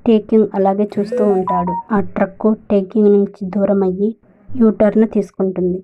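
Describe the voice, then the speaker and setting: A woman tells a drama's story in her own plain voice, voicing the characters' lines without changing her tone. Her pitch barely moves. The recording sounds thin and phone-like. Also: little pitch movement, normal speed, music in the background. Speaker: narrator retelling a drama. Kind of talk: storytelling recap with quoted dialogue.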